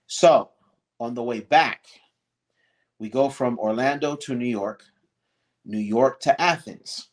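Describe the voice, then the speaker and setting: A middle-aged man, a guest, telling a long personal story in a casual interview, with frequent restarts and fillers and lively quoted lines. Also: medium pitch, takes it slowly, long pauses. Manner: rambling, many restarts and fillers, animated when quoting others.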